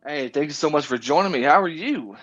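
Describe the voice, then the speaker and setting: A man's voice: a little high, lively intonation, a little fast, a bit bright. Male host, rambling, stumbles a lot, muffled lo-fi sound. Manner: rambling, stumbling over words. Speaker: interview host. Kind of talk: casual interview. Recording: dull lo-fi audio.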